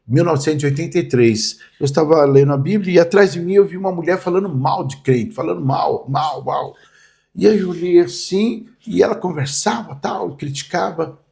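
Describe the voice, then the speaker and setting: A man's voice: fairly high pitch, gravelly, a little mellow. A man, a pastor vividly telling stories in a podcast interview. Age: 60s. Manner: vivid storyteller, acts out quoted voices.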